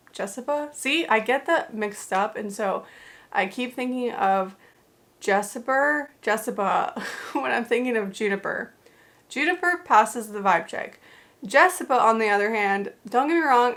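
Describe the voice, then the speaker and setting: A woman's voice: mid-range voice, a bit bright. A woman giving a casual, rambling book review, full of filler words and gushing asides.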